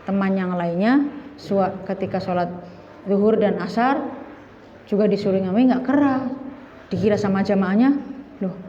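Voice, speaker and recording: A woman's voice: mid-range voice, moderate pace, long pauses, dark tone, slight background noise. A woman, an Islamic teacher giving a religious lesson on a classical text. She recites Arabic lines, then explains them plainly with asides. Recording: echoey hall, dull lo-fi sound.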